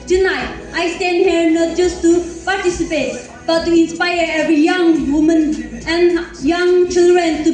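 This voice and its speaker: A woman's voice: very high voice, a little mellow. A woman in her twenties from Nagaland giving an upbeat, formal pageant introduction. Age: 20s. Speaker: pageant contestant. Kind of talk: rehearsed stage introduction. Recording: very echoey hall, distant mic, faint music.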